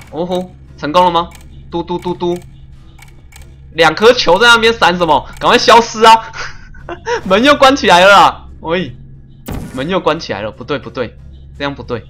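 An excitable man, giving live commentary on a game he is playing. His voice sits high and bright and swings widely in pitch as he chatters and laughs. Faint game music plays behind him. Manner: excitable, chatty, laughs often, makes little sound-effect noises. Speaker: game streamer.

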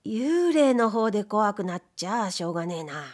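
A woman reading aloud, voicing a lazy, gruff Edo-era craftsman in rough commoner speech. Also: medium pitch, very animated, moderate pace. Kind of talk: audiobook reading of period fiction.

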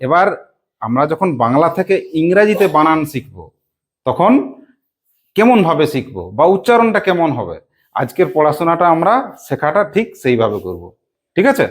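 Woman teacher, lowish voice, runs call and response drills in class. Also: sing-song, a faint crowd. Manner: asks children quick check questions. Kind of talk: classroom spelling lesson. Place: classroom with young pupils.

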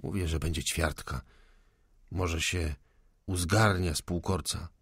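A man's voice: low-pitched, steady tone, takes it slowly, a bit bright, slightly rough, dry recording, clean studio sound, exaggerated voice. A man doing a stubborn old peasant servant. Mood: stubborn grumbling. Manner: blunt, grumbling, folksy speech.

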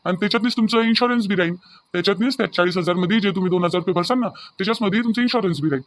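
A man's voice: sits high, racing, natural voice. A man voicing a businesslike loan officer in a village cartoon, explaining terms with a Varhadi Marathi accent.

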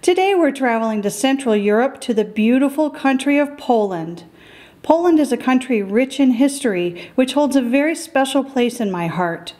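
A woman's voice: sits high, expressive, normal speed, warm tone. A middle-aged woman hosting a currency collecting show, giving careful scripted educational narration.

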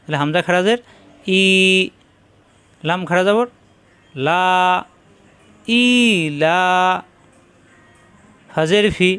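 A man teaching Quran reading, spelling Arabic words out syllable by syllable and slowly repeating each sound with patient drilling. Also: high voice, fairly bright tone, clean tone, dry recording, soft background music.

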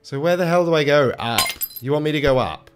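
A man narrating his own gameplay in a let's play, exasperated and cursing at the controls. His pitch swings widely and sits a little high for a man, while his pace stays unhurried. Faint music plays behind him. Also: lively intonation. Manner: exasperated, swearing, yelling at the game. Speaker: gaming channel host.

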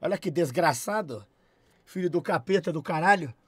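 A young man with a Brazilian accent, chatting on a live stream, loud and profane, shouting thanks at his chat. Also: fairly high pitch, animated, normal speed, husky, dry recording. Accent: Brazilian Portuguese.

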